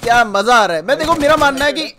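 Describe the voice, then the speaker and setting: A man commentating on esports gameplay highlights in an excited, chatty way, mixing in English words. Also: fast. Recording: game gunfire noise behind voice.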